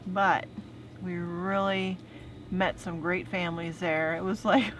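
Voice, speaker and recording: A woman's voice: on the low side, level tone, takes it slowly, crowd noise, poor audio. A woman chatting in an easygoing way as she looks back on a family trip for a travel vlog. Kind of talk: casual reminiscing chat.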